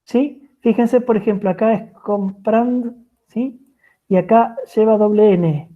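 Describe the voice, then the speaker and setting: Argentine teacher lady explaining grammar, kinda high voice, patient, keeps asking "sí?", tinny call audio. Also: slow. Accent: Argentine Spanish. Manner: patient, checks in with frequent "¿sí?". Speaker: French language teacher. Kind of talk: online lecture explaining grammar. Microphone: video call.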